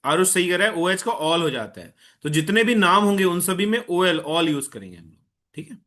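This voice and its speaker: Chem teacher guy, bright slightly high voice, hindi-english mix, keeps asking if everyone gets it. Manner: Hindi mixed with English, checks understanding often; patient, tells an eager student to slow down. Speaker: chemistry teacher. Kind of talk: online class lecture.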